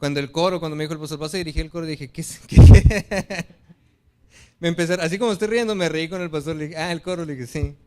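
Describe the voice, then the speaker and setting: A man with a Mexican Spanish accent delivers a sermon in a high voice, earnest and direct with his congregation. He often slips into short acted-out exchanges and quoted excuses to make his point. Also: rapid-fire, few pauses. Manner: earnest, appeals to the congregation as brothers; acts out excuses and dialogue in quotes. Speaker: preacher.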